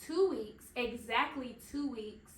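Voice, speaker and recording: Podcast host, woman, 30s, lively storyteller, slightly high voice, echoey room recording. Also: slow. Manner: chatty and animated, slangy asides to listeners. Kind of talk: casual storytelling.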